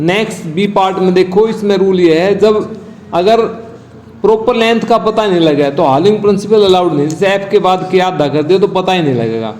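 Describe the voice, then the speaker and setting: A man's voice: high voice, a little fast, darkish tone, reverberant, slight background noise, poor audio. A man teaching shorthand, explaining each rule and then dictating lists of words for practice. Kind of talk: dictation lesson.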